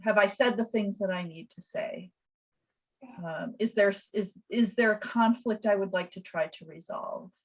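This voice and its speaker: A woman speaking gently and reflectively as a presenter in an online webinar. She explains things calmly and unhurriedly. Her voice sits at an ordinary middle pitch and comes through a video call. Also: normal speed, low-quality recording. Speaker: death doula and presenter.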